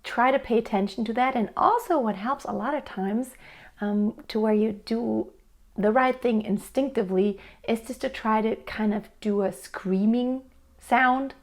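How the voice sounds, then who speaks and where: In this vocal coaching clip, a woman speaks unhurriedly in a fairly high voice, walking through singing technique in a friendly, patient way. She answers a viewer's question and sings to show what she means.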